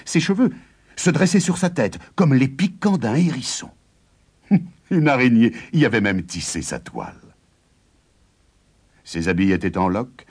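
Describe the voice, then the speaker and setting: A man reading a storybook aloud, expressive and unhurried. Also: lowish voice, slightly rough.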